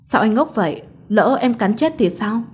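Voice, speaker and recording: A woman's voice: a little high, animated, normal speed, a little mellow, husky. A woman voicing an emotional, sulky young new mother in a storybook reading, with a pouting, tearful way of talking.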